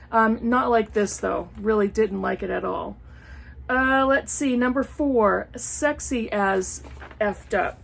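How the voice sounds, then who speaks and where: A middle-aged woman chatting casually about books, animated and sarcastic, breaking into laughter. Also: fairly high pitch. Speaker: book vlogger. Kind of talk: casual book review chat.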